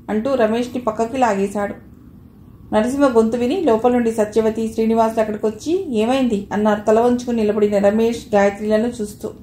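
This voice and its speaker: A woman narrating a novel aloud in a steady storytelling manner. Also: fairly high pitch. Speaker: audiobook narrator. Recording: roomy echo, faint noise.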